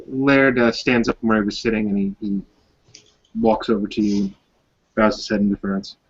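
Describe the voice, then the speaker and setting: Brief: a husky man with a lowish voice, stammering through his tabletop character, dull lo-fi sound. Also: little pitch movement, fairly quick. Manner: hesitant, stammering. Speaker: player. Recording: muffled lo-fi.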